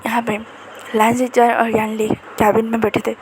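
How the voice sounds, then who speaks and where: A woman's voice: a little high, monotone, normal speed, background noise. A woman casually narrating a fan-fiction romance story in a chatty, conversational way.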